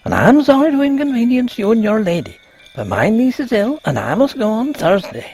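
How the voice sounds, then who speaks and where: A man voicing a superstitious old peasant housekeeper, a stubborn woman with a husky high voice and rustic, foreboding speech in a ghost story. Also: sing-song, a little fast, a little mellow, full character voice. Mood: warning, guarded. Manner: rustic dialect, guarded and foreboding.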